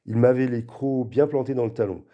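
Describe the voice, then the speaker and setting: A man giving an expressive literary reading aloud and acting out the quoted lines. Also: mid-range voice, fairly quick, muffled recording. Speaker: reader.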